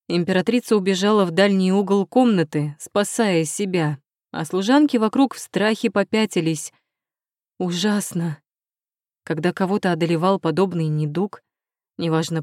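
A woman narrating an audiobook in an even storytelling manner. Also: on the low side, no echo, clean studio sound. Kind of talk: scripted narration.

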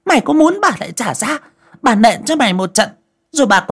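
A narrator voicing a cruel mistress of the house who scolds in a sour, shrill voice. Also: sing-song, moderate pace, husky. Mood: shouting.

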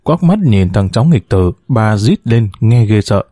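A man's voice: fairly low pitch, expressive, measured pace, warm tone, slightly rough, no room sound, studio quality. A man narrating a family drama story, reading the narration and voicing every character himself.

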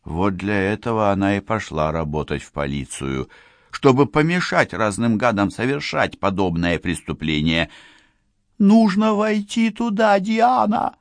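A man reading a crime thriller as an audiobook narrator, measured and expressive. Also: low voice, no echo. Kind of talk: scripted narration.

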